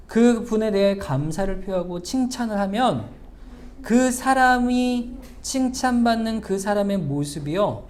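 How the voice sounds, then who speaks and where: A middle-aged man, the pastor, preaching a sermon and speaking straight to the congregation, moving between loud emphatic lines and soft asides. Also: sits high.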